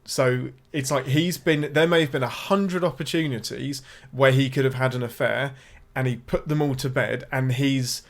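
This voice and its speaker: An English man co-hosting a film podcast in casual chat, thinking aloud, hedging with "I think" and correcting himself as he goes. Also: medium pitch. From England. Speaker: podcast co-host.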